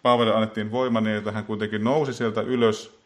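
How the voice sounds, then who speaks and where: A man giving an unscripted Bible talk, speaking haltingly and filling pauses with many small filler words and restarts. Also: on the low side, level tone. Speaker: Bible teacher.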